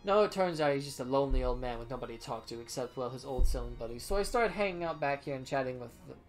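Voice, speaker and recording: A man's voice: medium pitch, animated, fast, close to an everyday voice. Casting: male performer as sheepish, shifty small-time thief, defensive confiding talk, music underneath. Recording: music behind the voice.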